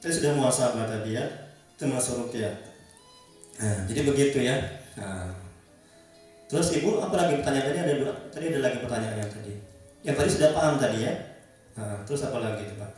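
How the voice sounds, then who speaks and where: A man leads a religious counseling session, speaking gently and repeating himself as he quizzes his listeners. His voice sits at an ordinary pitch and is picked up from a distance in a very echoey room. Faint music plays underneath. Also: fast, long pauses. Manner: gentle, repetitive, addresses listeners directly with questions. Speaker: Islamic preacher leading a ruqyah session. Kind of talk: religious counseling talk to a congregation.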